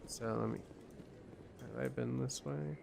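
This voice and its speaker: A man's voice: mid-range voice, fairly even intonation, a little slow, vocal fry, background noise. A tired young man streaming a game, musing and muttering to himself as he plays. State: tired, yawning. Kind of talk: casual live-stream gaming chat. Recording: game music under the voice. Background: game music.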